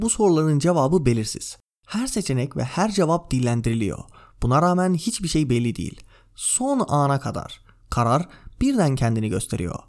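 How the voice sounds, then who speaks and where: Brief: male podcast host reviewing a fantasy novel chapter, measured and keen, average pitch. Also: darkish tone. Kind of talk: book review podcast with read-aloud passages.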